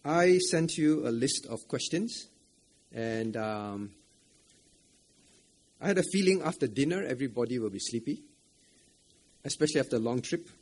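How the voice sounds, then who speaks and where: In a church camp meeting room, a man preaches an interactive sermon, asking the audience questions, repeating phrases, tacking on "right?" often and chuckling frequently between points. His mid-range voice is expressive and a little mellow. He speaks at a moderate pace with long pauses.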